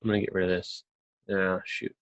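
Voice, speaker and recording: A man's voice: deep voice, little pitch movement, a little fast, no room sound. A man leading a casual group video call, his audio choppy and breaking up over the connection as he reads out points word by word. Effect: choppy, breaking-up internet call audio. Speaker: meeting leader. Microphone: computer over a video call. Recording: dull lo-fi call audio with faint music.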